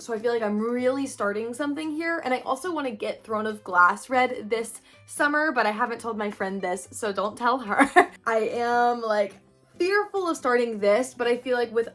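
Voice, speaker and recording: A young woman in her twenties talks through her reading plans in a relaxed, chatty vlog. Her voice sits a little high and stays upbeat, full of "like"s as she thinks aloud. Faint music plays softly under her. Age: 20s. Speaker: booktuber. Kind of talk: casual vlog chat.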